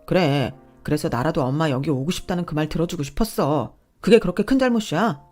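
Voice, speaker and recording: A woman's voice: deep voice, lively intonation, a little fast, darkish tone, soft background music. A woman voicing a brash, entitled young husband who talks back defensively and dismissively. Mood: angry.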